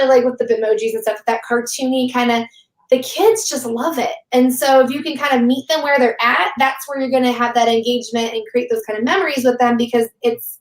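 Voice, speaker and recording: A woman's voice: high voice, reverberant, poor audio. A woman teacher chatting casually on a live webinar, rambling and filling her talk with "like". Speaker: teacher and guest.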